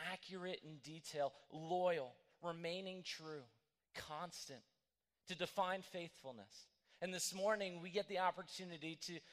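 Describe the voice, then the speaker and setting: A man's voice: fairly high pitch, long reverb tail. A man preaching a sermon, telling a story earnestly and often restarting his phrases. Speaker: pastor.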